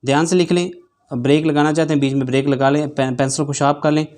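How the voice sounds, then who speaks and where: A man teaching shorthand, reading news text aloud very slowly for dictation with the punctuation spoken out, then explaining practice tips to students. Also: a little high, level tone, a little mellow. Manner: dictates very slowly, one phrase at a time; brisk, instructive talk to students.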